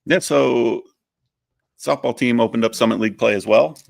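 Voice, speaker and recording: A man co-hosting a casual sports podcast, walking through game results and stats in a steady, plain way with frequent fillers. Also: mid-range voice, normal speed, vocal fry, no room sound, clean studio sound. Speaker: co-host.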